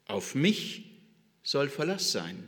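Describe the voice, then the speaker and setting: A man's voice: mid-range voice, very animated, slow pace, a bit bright, big-room sound. A man playing an idealistic young politician making earnest vows. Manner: earnest, self-assured vows. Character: idealistic young male politician, sure of himself.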